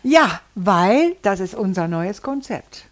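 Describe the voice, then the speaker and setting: A woman speaking German with a Dutch accent, easygoing and friendly as a podcast co-host. Her voice sits at a middle pitch. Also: sing-song, slow. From Netherlands. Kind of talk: casual chat.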